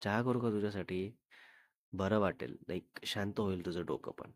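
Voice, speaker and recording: A man's voice: deep voice, normal speed, close to an everyday voice. A man voicing a caring young wife who pleads and soothes in a raised voice. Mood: soothing.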